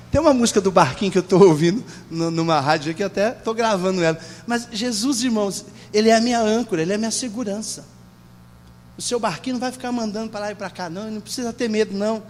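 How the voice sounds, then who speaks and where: A middle-aged Brazilian man preaching as pastor in a church, fervent, moving from tearful murmurs to shouted declarations. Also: high voice, fast talker. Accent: Brazilian Portuguese. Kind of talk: emotional Pentecostal-style sermon. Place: church sanctuary. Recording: reverberant church hall, faint hum.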